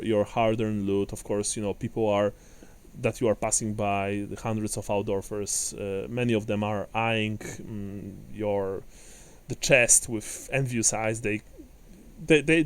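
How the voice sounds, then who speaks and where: A man's voice: on the low side, clean tone. Man running a tabletop game. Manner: rambling, many fillers and restarts, chuckling. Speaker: game master.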